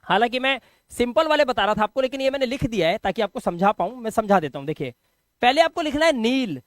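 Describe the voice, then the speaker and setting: A man teaching an online lesson, explaining step by step, repeating words slowly and checking that students follow. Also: very high-pitched, animated, no room sound. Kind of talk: online lesson explaining Hindi to English spelling.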